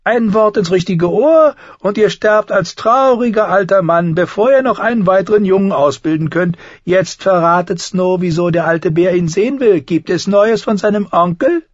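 A man voicing a sly, mocking male dwarf nobleman in a raised, sharp-tongued voice. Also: normal speed, hardly any pauses, no echo, lo-fi sound. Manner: high, sharp-tongued, amused.

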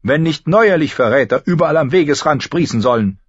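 A man's voice: fairly high pitch, expressive, a little fast, husky, no room sound, voice pushed up. A man voicing a pompous elderly grand maester who speaks in a solemn, intoning way, in a slightly muffled audiobook recording.

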